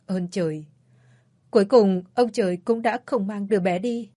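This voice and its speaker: A woman voicing a young woman friend who speaks softly and comfortingly. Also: medium pitch, moderate pace, dry recording, clean studio sound, lightly acted. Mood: relieved. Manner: soft, comforting. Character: loyal young woman friend, gentle and steady.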